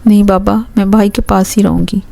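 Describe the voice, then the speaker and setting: A woman voicing a tearful young heroine from a romance novel, soft and pleading. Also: medium pitch, fairly even intonation, creaky, close to an everyday voice. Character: tearful young heroine, a doting family's beloved girl.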